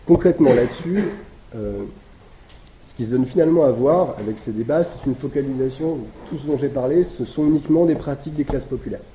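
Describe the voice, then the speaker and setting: A man's voice: medium pitch, brisk, dark tone, slight background noise. Hesitant man lecturing in an echoey room. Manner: hesitant, many fillers and restarts. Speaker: academic speaker. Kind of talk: academic lecture.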